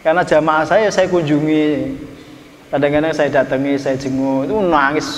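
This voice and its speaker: A man's voice: a little high, steady tone, moderate pace, a little hiss or hum. A man preaching a sermon, telling folksy stories and teasing his listeners. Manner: folksy storytelling, teasing the audience. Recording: echoey hall from far off.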